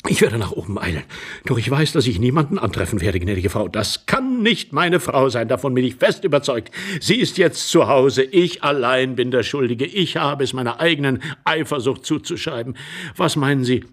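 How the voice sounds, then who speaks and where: A man voicing a rambling, apologetic jealous husband who fawns over a lady, with a husky voice. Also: medium pitch, expressive, moderate pace. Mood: flustered, fawning. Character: flustered jealous husband, a rambling, fawning middle-aged man.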